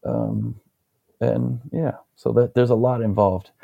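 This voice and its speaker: A young man casually recounting a story as an interview guest, relaxed and rambling with plenty of fillers. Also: medium pitch, takes it slowly, gravelly, dry recording, narrow, tinny audio.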